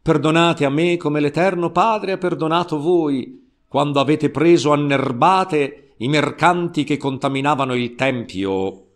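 A man's voice: fairly high pitch, unhurried, voice pushed up. A man voicing a burly, hot-headed village priest who barks commands. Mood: defiant. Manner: blustering, commanding.

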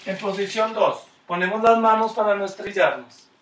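A man's voice: high-pitched, moderate pace, a bit bright, roomy sound, far from the mic, slight background noise. A man with a Colombian Spanish accent teaching a kids' skating class online, coaching with encouraging, repeated cues. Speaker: skating instructor.

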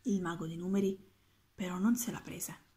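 A woman teacher reading a storybook aloud to pupils, with steady, expressive narration. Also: on the low side, normal speed, slight background noise.

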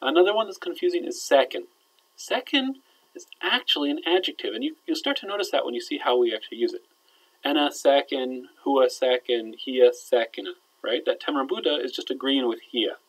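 A male teacher walks students through a grammar lesson in an explanatory, conversational way. He keeps checking that they follow, and his phrases sink quietly at the ends. His voice sits at an ordinary middle pitch. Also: expressive, a little fast, poor audio. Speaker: Arabic teacher. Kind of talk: recorded grammar lecture.

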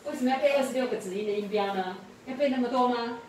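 A woman's voice: fairly high pitch, fast talker. A woman tutoring pupils in a classroom, patiently repeating prompts and quizzing them. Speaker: English teacher. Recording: echoey room from far off, faint noise.

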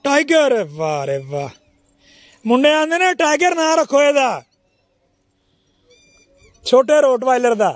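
Chatty high-voiced Punjabi-accented farm vlogger. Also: male voice, sing-song, slow pace, pauses often, no room sound. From Pakistan. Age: middle-aged. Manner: chatty, sprinkles polite "ji", calls out to animals and children. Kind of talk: casual walk-around vlog. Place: outdoor dairy farm yard. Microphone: phone held at arm's length.

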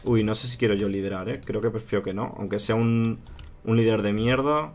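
A man's voice: fairly low pitch, a little fast, a little mellow. Spanish man thinking aloud over a strategy game. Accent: Spanish from Spain. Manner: chatty, thinks aloud, addresses viewers as "chicos" and "tío". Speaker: gaming youtuber. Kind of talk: casual strategy game let's play commentary.

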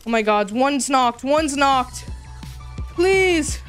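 A woman giving excited gameplay commentary in a hyped, slangy gamer-bro manner. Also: fairly high pitch, normal speed, faint music behind. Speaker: gamer, video host.

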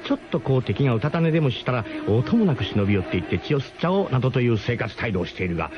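Very fast and with big pitch swings in his mid-range voice, a man narrates a radio drama as comic first-person storytelling, delivered in an emphatic, mock-grandiose way. It comes through as a muffled radio broadcast with clear background noise.

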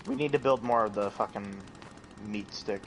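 A man's voice: fairly low pitch, moderate pace, fairly bright tone, slight background noise, rough recording. A drunk man playing a game with a friend, drawling and swearing casually. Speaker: co-player. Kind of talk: casual gaming chat.

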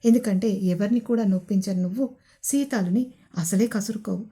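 A woman's voice: mid-range voice, moderate pace, dark tone, husky. A woman voicing a confident young husband who teases and coaxes his wife. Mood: teasing. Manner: teasing, coaxing.

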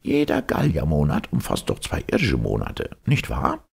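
A man with a gravelly, husky voice voicing a strict, pedantic male professor who lectures in a dry tone. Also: very deep voice, huge pitch swings, moderate pace, darkish tone, heavily acted.

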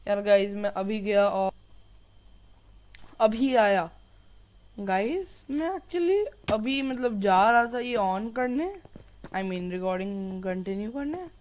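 A man's voice: high voice, slow, pauses often. A man giving casual gameplay commentary, chatty and apologetic, mixing English words into his talk. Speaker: gameplay youtuber.

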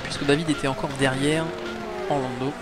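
A man's voice: medium pitch, steady tone, fairly quick, over loud music. A man giving live motorsport commentary on a sim race, explaining things to the viewers. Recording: clear background engine noise. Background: race car engines.

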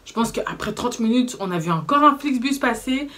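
A young woman with a Belgian French accent, telling a story to camera in casual vlog chat, animated and indignant, with slangy fillers. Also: a little high, normal speed. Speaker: vlogger.

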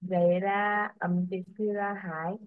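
A woman's voice: medium pitch, fairly even intonation, takes it slowly, no echo. A female student answering her teacher hesitantly in an online class, unsure of her answer. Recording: tinny call audio, dry.

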